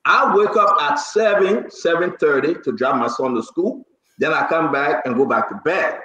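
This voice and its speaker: In an echoey room with slightly dull audio, a Liberian man in his forties hosts a casual talk show at normal speed. His fairly high voice is bright and forceful, animated throughout, and he repeats phrases for emphasis.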